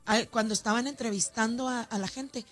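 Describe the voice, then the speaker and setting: A festival organizer and councilwoman from Ciudad Juárez, speaking with a northern Mexican accent, appears as a guest on a radio interview. Her voice is on the high side and brisk, with faint music behind it. She is animated and chatty and often restarts what she's saying.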